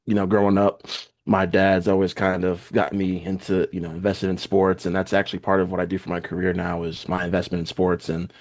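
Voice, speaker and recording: A young American man speaks as a podcast guest, relaxed and easygoing. He hesitates often and fills gaps with small fillers. His voice sits a bit low. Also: a little fast. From United States. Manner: laid-back, hesitant, many fillers. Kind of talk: casual podcast chat.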